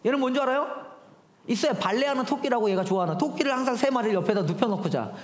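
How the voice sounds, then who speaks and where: A man's voice: very high-pitched, expressive, racing, roomy sound. A man in his thirties preaching a sermon, telling stories animatedly and speaking directly to the congregation. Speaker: pastor. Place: church hall.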